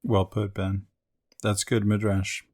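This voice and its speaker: A man with a very deep voice chimes in on a scripture podcast. He keeps his comments short and conversational and often adds a wry aside. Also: completely flat delivery, takes it slowly, a little mellow. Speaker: podcast co-host. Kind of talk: casual scripture discussion.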